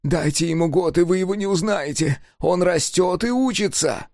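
A man voicing a manic, fanatical little male engineer in a shrill, frantic voice. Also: moderate pace, a little mellow, no room sound, clean studio sound.

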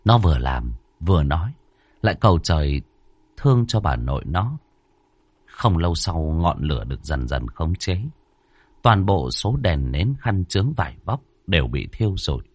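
A man narrating a ghost story in an expressive storytelling manner. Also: sits low, normal speed, breathy edge, no room sound.

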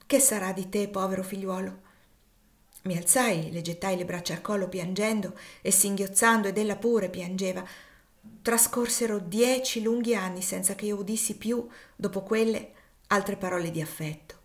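A woman reads out a young man on the run, his grief turning to defiance as his words climb into emphatic outbursts. The voice sits at an ordinary middle pitch for a woman, told in the manner of a storybook audiobook. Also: steady tone, moderate pace, close to an everyday voice. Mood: impassioned. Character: impassioned young male fugitive, grieving and defiant.

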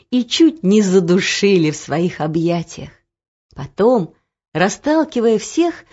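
A woman narrating a children's story in an expressive storytelling manner, on a dull, muffled audiobook recording. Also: on the high side, husky.

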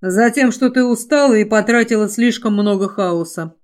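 A woman voicing a wounded, stubborn young man in an audiobook, speaking in quiet, firm, clipped replies. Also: fairly high pitch, normal speed, lightly acted. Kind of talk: audiobook character voice.

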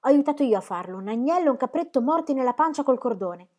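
A woman's voice: sits high, expressive, quick pace, mellow, voice pushed up. A woman reading an audiobook, voicing a desperate young male shepherd who pleads frantically and repeats himself. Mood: urgent.

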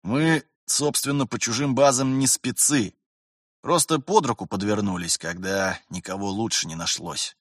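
A gruff, world-weary veteran officer with a low, grumbling voice, as a male narrator puts him on. He speaks in curt, clipped orders and slides into long lectures. The sound is close and dry. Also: normal speed, fairly bright tone, no echo.

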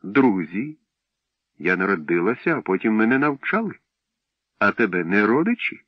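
A man's voice: lowish voice, sing-song, normal speed, no echo. A man voicing a talking female flying fish, playful and a little preachy. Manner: playful, lecturing. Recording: dull dry recording.

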